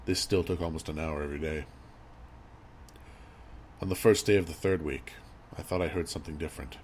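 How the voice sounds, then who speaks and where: A man reading a scripted horror story as narrator, in a measured, grave storytelling manner. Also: very deep voice, fairly even intonation, darkish tone. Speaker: creepypasta narrator. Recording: audible background noise and ambience.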